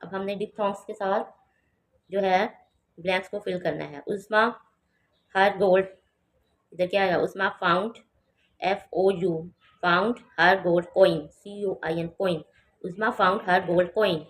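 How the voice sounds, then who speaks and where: A woman teaching a children's lesson at home, reading English sentences slowly and then explaining them in Urdu. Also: medium pitch, steady tone.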